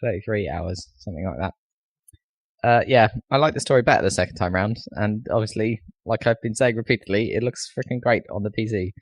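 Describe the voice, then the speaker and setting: A man co-hosting a gaming podcast, trading wry, quick banter. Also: fairly low pitch, dry recording. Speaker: podcast co-host. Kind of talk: casual chat about video games.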